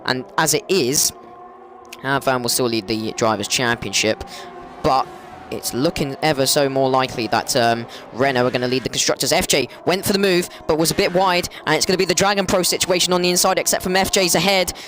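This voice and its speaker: Man, sim racing commentator, slightly high voice, rambling, self-correcting, faint background hiss. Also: a little fast. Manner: excitable, rambling, self-correcting, gets loud and high during crashes. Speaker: race commentator.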